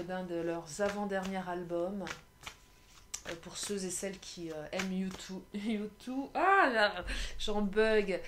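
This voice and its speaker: A woman from France giving a casual tarot reading in a vlog, effusive and halting, full of restarts, speaking to her viewers as dear friends. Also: medium pitch, noisy background. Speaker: tarot card reader.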